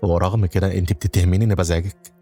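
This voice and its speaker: A man with an Egyptian Arabic accent voicing a creepy male stranger who talks his way into a house, smooth and overly familiar. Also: low-pitched, flat delivery, racing, dark tone, soft background music. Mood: eerily calm. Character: creepy male stranger, eerily calm intruder.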